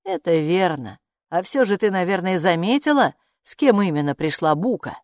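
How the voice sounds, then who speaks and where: A sly, self-satisfied talking bathrobe who speaks slowly and condescendingly to a child, as a woman puts him on for a storybook. His lines have a lively lilt, recorded close and dry. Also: on the low side, dry recording, close to an everyday voice. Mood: sly patronizing. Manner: unhurried, patronizing, calls her "friend". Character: talking bathrobe, male, calm, sly, know-it-all.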